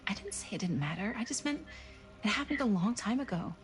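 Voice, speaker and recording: A woman playing a calm, matter-of-fact young friend in a video game. Her natural, quiet voice has prominent music over it. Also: mid-range voice, a little fast, natural voice. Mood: measured.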